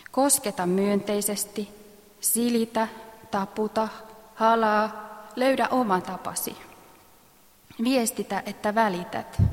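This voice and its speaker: A woman reading parenting advice aloud in a measured, instructive manner, clearing her throat now and then. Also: mid-range voice, long reverb tail. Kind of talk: read-aloud advice text.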